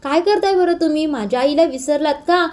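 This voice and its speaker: A woman's voice: sits high, a little fast, a little mellow, natural voice. A woman reading the lines of an angry young man reproaching his father. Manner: reproachful questioning.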